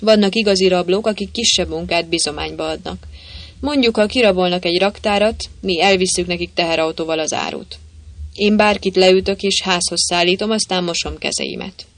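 A reader voicing a blunt, hot-tempered male robber in an audiobook, speaking bluntly and shouting. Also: mid-range voice, no room sound, close to an everyday voice. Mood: matter-of-fact. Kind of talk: audiobook reading.

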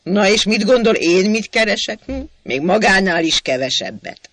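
A man doing a deadpan punning café regular. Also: high-pitched, no echo. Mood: innocent puzzlement. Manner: deadpan wordplay, misreads everything. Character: punning, obtuse male coffee-house regular.

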